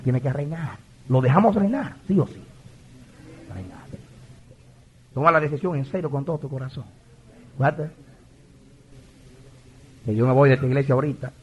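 A man's voice: medium pitch, expressive, moderate pace, long pauses, slightly rough, lo-fi sound. A man in his forties preaching an impassioned, emotional sermon, often stumbling and repeating words as he testifies. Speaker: pastor.

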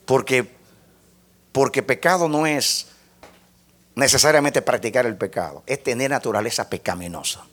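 A man's voice: medium pitch, normal speed, pauses often, fairly bright tone. A man preaching a sermon, teaching step by step and asking the congregation to repeat phrases after him. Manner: spells out points step by step like a lesson.

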